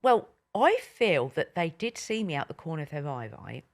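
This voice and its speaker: A middle-aged woman co-hosting a podcast with her daughter, reacting with animated interjections. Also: low-pitched, normal speed. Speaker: podcast co-host, mother of the other host. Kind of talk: casual chat.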